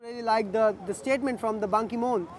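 A young man from Pakistan, a human rights activist, giving deliberate interview answers outdoors. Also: high-pitched, crowd noise. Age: young adult.

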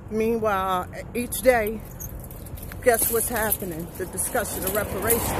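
A middle-aged woman, talking emphatically into her phone while walking outdoors and asking "right?" again and again. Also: fairly high pitch. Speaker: vlogger. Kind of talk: casual walking vlog monologue. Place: outdoors on a street. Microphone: phone held at arm's length. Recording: phone audio with street noise. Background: outdoor traffic noise.

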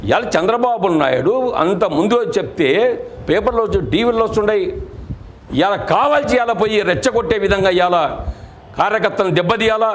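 A middle-aged man, a party district president, giving an angry political press statement full of accusing rhetorical questions. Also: high voice. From Andhra Pradesh, India.

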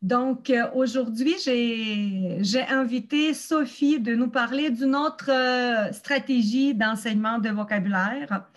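A woman's voice: fairly high pitch, takes it slowly, few pauses. A woman hosting an online teachers' meeting, explaining documents and ideas while searching for her words. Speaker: host of a teachers' community meeting.

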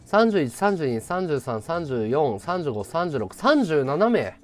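Excitable man hosting a livestream. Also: on the high side, slow, soft background music. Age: 30s. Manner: excitable, loud bursts of thanks and hype. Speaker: livestream host. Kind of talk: casual livestream chat thanking viewers.

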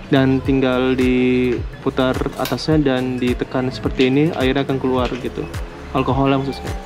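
A man casually unboxing and reviewing camping gear at a table indoors, talking in a relaxed, hesitant way with small laughs. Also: mid-range voice, normal speed. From Indonesia. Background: music.

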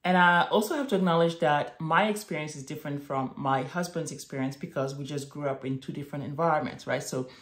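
A Moroccan woman in her thirties, a vlogger, gives a reflective, casual monologue to camera from an indoor home office lined with bookshelves. Her voice is low-pitched and fast with hardly any pauses, and she often checks in with "right?" and "okay?". A webcam at desk distance picks her up in an echoey room.

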